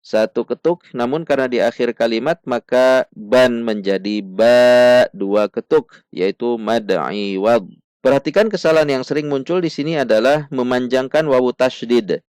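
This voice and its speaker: A man teaching Quran recitation in a slow step-by-step lesson, patiently repeating each syllable, contrasting right and wrong sounds and chanting verses melodically. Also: medium pitch, lively intonation, darkish tone, no echo.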